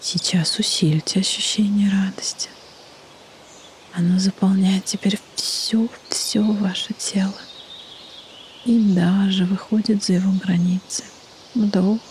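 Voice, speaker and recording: A woman leading a guided meditation in a soft, breathy half-whisper, with soothing delivery and long pauses. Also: medium pitch, steady tone. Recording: faint background noise, birdsong ambience. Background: birdsong and nature ambience.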